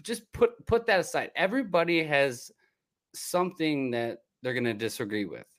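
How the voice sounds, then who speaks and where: A man's voice: a little high, expressive, moderate pace, fairly bright tone. Earnest man asking rhetorical questions. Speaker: podcast co-host. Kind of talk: casual political chat.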